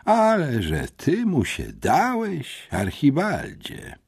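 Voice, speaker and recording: Guy reading as a cold strict lady headmistress, raised pitch, husky, cutting, audiobook. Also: huge pitch swings, takes it slowly, a little mellow, heavily acted. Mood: stern scolding. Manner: cutting, scolding. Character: stern, cold female school headmistress. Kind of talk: audiobook character voice.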